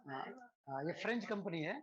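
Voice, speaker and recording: A man's voice: high voice, lively intonation, a little fast, muffled recording, a loud crowd. Chatty male teacher asking tag questions. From India. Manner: conversational, constantly checks in with tag questions; rhetorical questions and homely examples. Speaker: physics teacher. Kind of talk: lecture to students.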